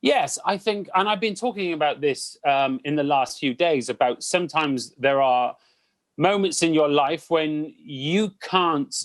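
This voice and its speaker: A man giving conversational interview answers as a cruise director, telling anecdotes in an animated way and acting out quoted remarks. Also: a little high, unhurried, no echo.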